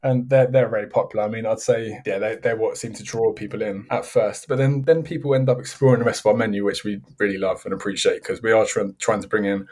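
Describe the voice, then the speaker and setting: A man's voice: on the low side, fairly even intonation, quick pace, hardly any pauses, darkish tone. A man giving chatty, explanatory answers as an interview guest who runs a small business.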